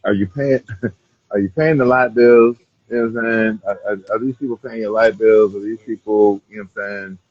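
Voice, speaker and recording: A man's voice: on the low side, fairly even intonation, fairly quick, slightly rough, no room sound, highs cut off. A man talking casually as an interview guest, rambling and often checking in with the listener. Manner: rambling, repeats "you know what I'm saying". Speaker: cigar brand owner being interviewed.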